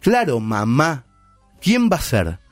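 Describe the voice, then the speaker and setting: A man with an Argentine accent putting on a flat, toneless adult male voice as a prank caller. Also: medium pitch, slow pace, dry recording, soft background music. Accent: Argentine Spanish.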